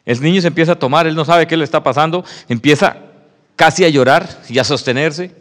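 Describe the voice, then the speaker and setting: A man preaching a sermon testimony, telling a story with animated acted-out dialogue. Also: on the high side, a little fast. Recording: long hall reverb.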